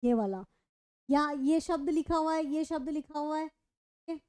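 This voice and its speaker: A woman's voice: high voice, unhurried, darkish tone, dry recording, studio quality. A woman teaching an online grammar lesson. She asks questions and answers them herself, and often says "okay" between points.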